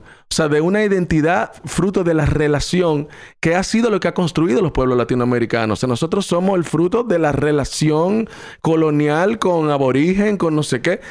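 A man's voice: on the high side, darkish tone. A man, a film producer, talking enthusiastically in a casual podcast chat and often restarting mid-sentence.

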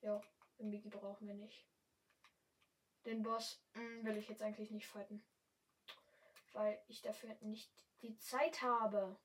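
A young woman speaking standard German, chatting casually and excitably while commentating her gameplay. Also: mid-range voice, measured pace, pauses often, recorded from a distance, low-quality recording. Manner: chatty, excitable, yelps and exclaims often. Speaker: gamer streamer.

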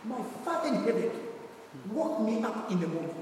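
A man preaching a fervent, repetitive sermon in an animated manner. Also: high voice, brisk. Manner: animated, repetitive, rhetorical questions. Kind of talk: fervent sermon with personal testimony. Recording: roomy echoing hall, distant mic, faint noise.

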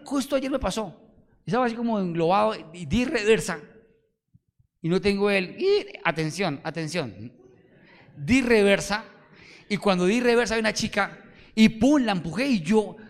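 A middle-aged man with a Colombian accent, preaching a sermon in an emphatic, animated way and firing rhetorical questions at the congregation. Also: high-pitched. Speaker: pastor. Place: church hall. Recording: long hall reverb.

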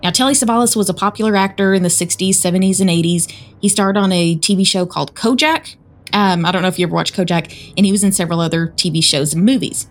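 A woman with a Southern American accent co-hosts a podcast, chattily retelling a spooky story in casual storytelling talk. Her voice sits on the low side, and she talks fast.

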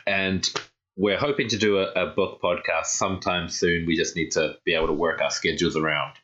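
A man's voice: low voice, fairly even intonation, fairly quick, fairly bright tone, lo-fi sound. A man co-hosting a podcast, chatting casually in a rambling way, full of fillers and tag questions. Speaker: podcast co-host. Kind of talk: casual chat.

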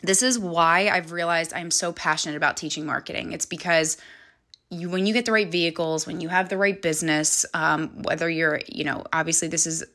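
A woman's voice: deep voice, fairly even intonation, brisk, pushed and bright. A woman hosting a podcast, telling a personal story in a candid, chatty way with frequent laughs and fillers. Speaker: podcast host.

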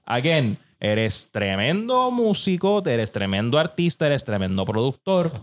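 A man's voice: mid-range voice, big pitch swings, measured pace. A Puerto Rican man co-hosting a casual podcast, arguing with plenty of swearing in Spanglish, dropping English into his Spanish. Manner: argumentative, profane. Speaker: podcast co-host. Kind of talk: casual opinionated chat.

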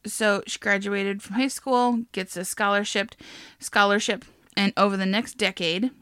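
Young woman podcast host, bright, dry close mic, casual storyteller who laughs and swears. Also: mid-range voice, fairly even intonation, moderate pace, smooth, dry recording. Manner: laughs often, swears, chatty. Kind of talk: casual chat, telling a biography.

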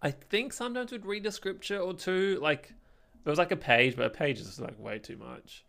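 A man's voice: high-pitched, moderate pace, creaky, fairly bright tone. A man co-hosting a podcast, chatting casually, full of fillers and often ending with "right?". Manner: chatty, filler-heavy, ends lines with "right?". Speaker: podcast co-host. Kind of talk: casual chat.

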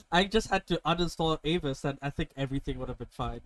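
A man's voice: on the high side, lively intonation, moderate pace, dry recording. A man hosting a podcast, chatting casually and telling stories with plenty of swearing. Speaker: podcast host. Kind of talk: casual chat.

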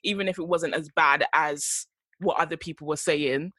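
A woman's voice: low voice, normal speed, slightly rough, dry recording. A young woman, chatting casually and animatedly as a podcast co-host. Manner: animated, fillers like "do you know what I mean". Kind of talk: casual chat.

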